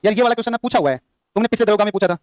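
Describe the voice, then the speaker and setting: A male teacher lectures a class at a very fast clip, his voice pitched high. He keeps firing the same questions back at the students. The sound is close and dry. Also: smooth, no room sound. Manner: rapid, repetitive quizzing of students. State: short on sleep.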